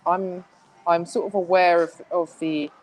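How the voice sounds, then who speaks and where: A woman's voice: lowish voice, flat delivery, measured pace, darkish tone, low-quality recording. A woman speaking as a guest in a casual interview, chatty, with many restarts and fillers.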